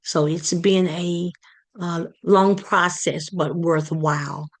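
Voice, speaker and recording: A woman gives a community presentation, taking her time and pausing often on fillers and restarts. Her voice sits fairly low, and her delivery is unhurried and halting. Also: steady tone. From Palestine, Texas. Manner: hesitant, many fillers and restarts. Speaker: community project leader presenting.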